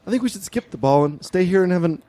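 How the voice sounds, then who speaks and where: A man rambling earnestly through an improvised comedy scene, restarting his sentences. His voice is fairly high but mellow, recorded dry and close. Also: lively intonation, quick pace, dry recording.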